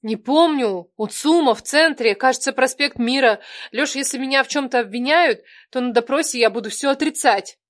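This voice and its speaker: A man's voice: extremely high pitch, moderate pace, few pauses, a bit bright, dry recording, studio quality, voice pushed up. A man voicing a prim ex-wife who pleads and bristles, raised well above his own voice in an audiobook. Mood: nervous. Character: ex-wife, prim, pleading then defiant woman.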